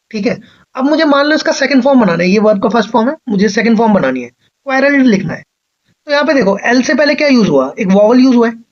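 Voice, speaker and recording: A man's voice: high-pitched, highs cut off. A man teaching an exam-prep grammar lecture, explaining patiently step by step and often checking that his students follow.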